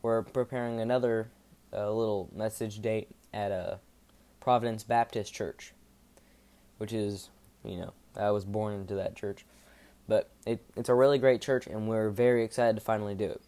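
A man speaking in a monotone, giving a casual devotional podcast talk in an informal, rambling way with halting self-corrections. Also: lowish voice.

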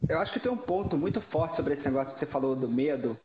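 A Brazilian man with a fairly high voice talks reflectively while nursing a broken nose. He feels his way through ideas, doubling back on words. The recording is a little dull, with faint noise behind him. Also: expressive. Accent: Brazilian Portuguese. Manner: halting, repeats words and phrases. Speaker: interview guest. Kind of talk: casual reflective conversation. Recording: dull audio with background noise.

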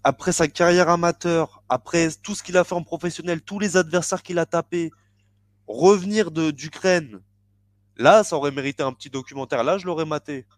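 A man co-hosting a podcast, chatting casually and haltingly with frequent restarts and fillers. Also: on the high side, steady tone, no echo. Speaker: podcast co-host. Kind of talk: casual chat about boxing.

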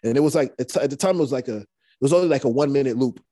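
Rapid-fire delivery, mid-range voice, dry recording: this young rapper is a guest telling casual stories in an interview. He's relaxed and rambling, with frequent fillers and restarts.

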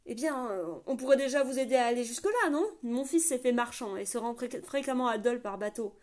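A woman's voice: fairly high pitch, lively intonation, fairly quick, a little mellow, natural voice. A woman voicing a hearty, bearded rebel prince, an older man who speaks grandly and rousingly. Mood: jovial.

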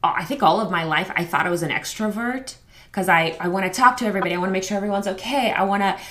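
A woman's voice: mid-range voice, fast talker, a bit bright. A woman hosting a parenting podcast, talking candidly in a rambling, conversational way, with lots of fillers and quoted self-talk. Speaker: podcast host. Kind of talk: casual conversational interview.

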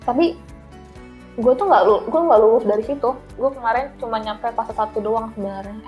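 Young girl spilling her story casual and slangy, bit high pitched. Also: normal speed, muffled recording, soft background music. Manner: slangy, laughs often while telling. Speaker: interview guest.

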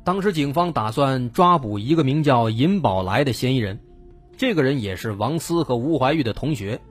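A man's voice: mid-range voice, lively intonation, normal speed, husky, soft background music. A man narrating true crime as a dramatic storyteller, building suspense with questions.

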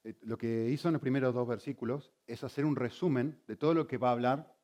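A man preaching a sermon, teaching in an animated way and asking the congregation many rhetorical questions. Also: medium pitch, fast talker, dull audio. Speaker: pastor.

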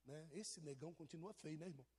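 A high-pitched man delivers a loose, chatty sermon. He teases and jokes with people in the pews as he preaches. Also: fast, darkish tone, husky. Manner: teasing, jokey, addresses people in the pews. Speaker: pastor. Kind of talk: informal sermon to a congregation.

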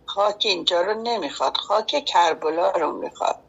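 A woman's voice: fairly low pitch, animated, creaky, fairly bright tone, slightly rough, exaggerated voice. A woman voicing a devout teenage boy soldier who pleads with a choked-up voice, on a dull lo-fi recording. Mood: pleading.

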